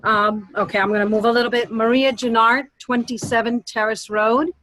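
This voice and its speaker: A woman's voice: on the high side, fairly even intonation, normal speed, a bit bright, slight background noise. A woman teacher calling into a public meeting on a phone line that keeps breaking up, repeating herself so she can be heard. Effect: phone call breaking up.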